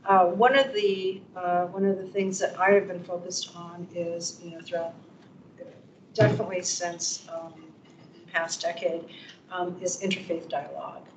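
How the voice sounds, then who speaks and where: A woman commissioner introducing herself at a public meeting, hesitant and full of pauses. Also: lowish voice, level tone, background noise. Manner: hesitant, many ums. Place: council meeting room. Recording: echoey room, dull sound.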